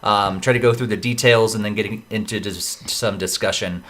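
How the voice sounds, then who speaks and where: Low-voiced man hosting a podcast. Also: fairly even intonation, moderate pace, a bit bright. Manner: rattles off news items with frequent uh fillers. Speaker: podcast host. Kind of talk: casual podcast chat.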